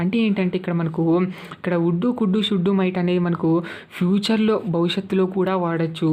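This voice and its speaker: A woman's voice: fairly low pitch, a little mellow. A woman teaching an English grammar lesson. She explains patiently, repeats each point and keeps asking whether the learner has understood. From Telugu-speaking South India. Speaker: English tutor.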